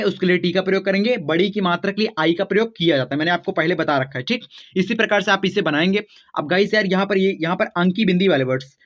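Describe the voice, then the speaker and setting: High-voiced man teaching spelling slowly. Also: a bit bright. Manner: slow, spells words out letter by letter, often checks with "theek". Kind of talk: spelling lesson for beginners. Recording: dull lo-fi sound.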